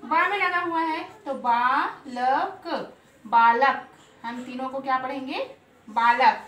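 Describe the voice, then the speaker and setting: Slow, high-voiced teacher woman. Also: bright, forceful tone. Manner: slow, repeating words and asking questions. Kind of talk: online lesson at a blackboard. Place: room with a blackboard. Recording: echoey room from a distance, faint noise.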